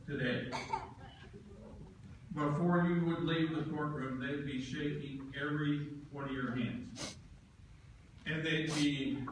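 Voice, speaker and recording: A man leads a citizenship ceremony in a courtroom, urging people on with a slightly halting delivery. His voice sits a little high and reaches the recording from far off. The room is echoey and noisy. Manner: encouraging, halting with fillers. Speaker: ceremony officiant.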